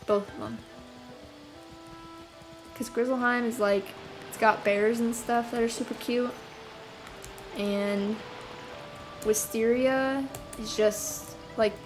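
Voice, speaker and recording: A woman's voice: a little high, low-quality recording. A young woman in her apartment, chatting casually and rambling to herself while playing a game, with frequent sighs and fillers. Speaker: gameplay video host. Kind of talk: casual gameplay commentary. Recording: game music clearly behind voice.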